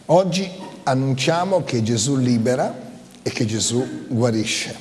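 A man preaching a sermon as a pastor, reading scripture and then building his points with emphatic, repeated phrases. His voice sits at a middle pitch. It echoes with the long reverb of a church hall. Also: expressive, unhurried, a little mellow.

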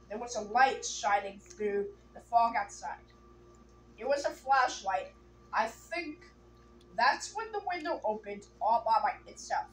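A woman reading a children's book aloud in a plain, unhurried way, with small restarts. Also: a little high, slight background noise, low-quality recording. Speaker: storybook reader.

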